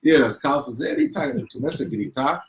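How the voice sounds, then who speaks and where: A man's voice: medium pitch, fairly quick, a little hiss or hum, rough recording. A man teaching a class on faith, telling a story and acting out the people in it. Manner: animated storyteller, acts out child and mother in raised voices. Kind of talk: storytelling lesson.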